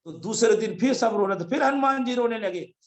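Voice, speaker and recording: A man giving an animated motivational talk over a video call, telling stories and calling on listeners by name. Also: sits high, a little fast. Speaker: motivational speaker.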